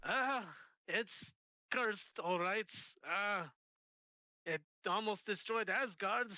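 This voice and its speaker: A breathless Viking warrior stumbles through a phone call, played by a man. His voice is bright and sharp, his words halting, ungrammatical and slow. He is still catching his breath between lines. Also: sits high, no room sound, heavily acted. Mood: winded. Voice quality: broken, ungrammatical phrasing. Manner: hesitant, full of uhs. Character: winded Viking warrior bandmate, clumsy grammar. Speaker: caller on the phone.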